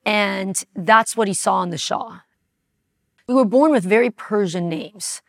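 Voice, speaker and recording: A woman in her forties from Iran, recounting her life story in a reflective, unhurried way. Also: mid-range voice. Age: 40s. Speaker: interview guest. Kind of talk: personal storytelling.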